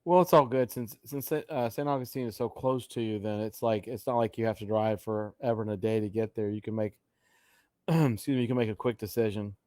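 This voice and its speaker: A man's voice: on the low side, fairly even intonation, brisk, darkish tone, no echo, studio quality. A middle-aged man co-hosting a casual live-stream chat, joking and exclaiming often with trailing asides.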